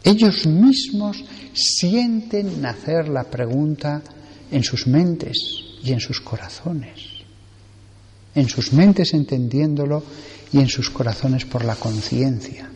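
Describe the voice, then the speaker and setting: A man from Spain preaching a sermon as a priest, slow and earnest, repeating phrases for emphasis. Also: on the high side, darkish tone, big-room sound, slight background noise. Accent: Spanish from Spain.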